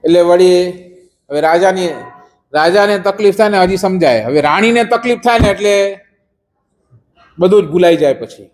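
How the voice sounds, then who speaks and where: A man with a high voice delivers a religious discourse as a story. He keeps the listeners involved by asking them rhetorical questions along the way. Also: moderate pace, pauses often, a little mellow. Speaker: preacher.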